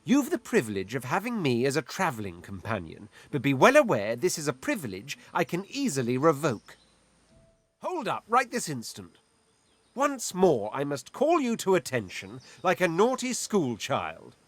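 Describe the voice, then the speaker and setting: An actor playing a vain, imperious aristocrat in a video game, pompous and scolding. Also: male voice, a little high, huge pitch swings, normal speed, dry recording. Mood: indignant.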